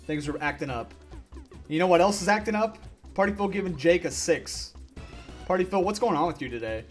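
A young man giving gameplay commentary, ranting and yelling at the game in frustration. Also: high-pitched, expressive, fairly quick, soft background music. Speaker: gaming YouTuber.

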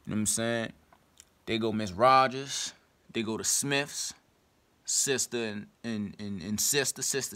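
A man's voice: medium pitch, bright, forceful tone, dry recording. A young man in casual vlog talk, loose and slangy, sometimes reading a book aloud with asides. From Washington, D.C. area. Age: young adult.

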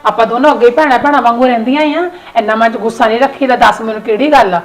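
A coaxing elder daughter-in-law, played by a woman with a fairly high voice. She pleads softly to smooth over a family quarrel. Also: very fast, soft background music, close to an everyday voice. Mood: pleading. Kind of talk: family skit acting.

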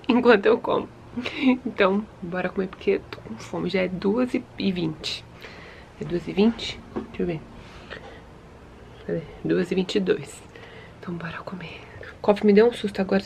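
Young São Paulo woman, casual home vlog, chatty and emotional, slightly gravelly voice. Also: mid-range voice, a little hiss or hum. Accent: Brazilian Portuguese, São Paulo. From Brazil. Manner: chatty and emotional, often drops to a soft murmur. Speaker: vlogger. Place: home, indoors.

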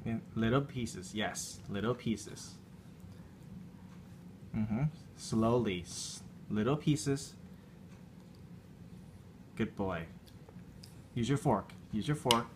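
A woman with a strikingly deep, low voice talks at a home dinner table, patient and gentle. She coaxes a small child in soft, short, repeated words at a very slow, drawn-out pace. A faint hiss sits under the recording. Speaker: parent feeding a toddler.

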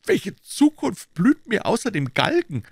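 A man's voice: high-pitched, wildly swooping pitch, a little slow, creaky, slightly rough, no room sound, clean studio sound, pitched above the performer's own voice, exaggerated voice. A man voicing a young American man who speaks in an anxious, pleading way.

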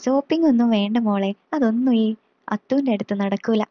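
A woman's voice: on the high side, brisk, dull audio, natural voice. A woman voicing a playful, sulky young girl who bickers with her mother and brother. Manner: pouty, playful. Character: playful teenage girl, sulky little sister.

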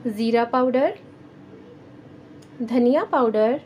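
A woman with a Pakistani Urdu accent hosting a cooking channel, giving calm step-by-step recipe instructions in a voice-over. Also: on the high side, slow, slight background noise. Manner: calm, instructive, addresses viewers directly.

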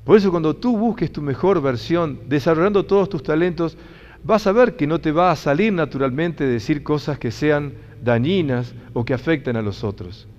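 A motivational speaker with a Rioplatense Spanish accent gives an earnest, emphatic inspirational talk to an audience, repeating key phrases. His voice is a little high and a little mellow, at a moderate pace. The sound is dull with long hall reverb.

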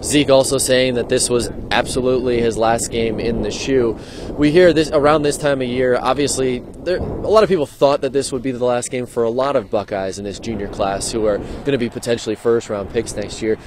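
This is a man in his thirties working as a sports reporter, doing a live postgame TV report into a handheld mic from an outdoor football stadium at night. He speaks fairly quickly in a mid-range voice with fairly even intonation, earnest and questioning in tone. Faint outdoor stadium noise sits in the background.

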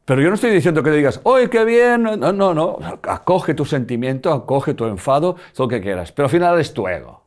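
A man's voice: medium pitch, fast talker. An older man with a Spanish accent giving a live lecture, often checking that the audience follows him. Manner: animated, asks the audience often if they follow.

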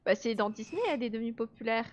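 A woman's voice: fairly high pitch, quick pace. A woman giving casual live gameplay commentary, chatty and laughing often as she answers her chat. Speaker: let's play streamer.

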